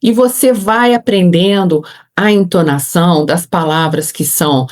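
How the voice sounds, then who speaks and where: Brazilian woman teaching, slightly low voice. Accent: Brazilian Portuguese. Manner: coaching, models German phrases slowly for repetition. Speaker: German language teacher. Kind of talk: online language lesson.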